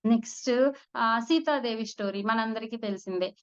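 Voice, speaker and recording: A woman teaches spiritual lessons through old stories, chatting with listeners she calls friends. Her voice sits a little high. The recording sounds dull and muffled. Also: brisk, clean tone. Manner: conversational, addresses listeners as friends. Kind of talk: storytelling spiritual talk.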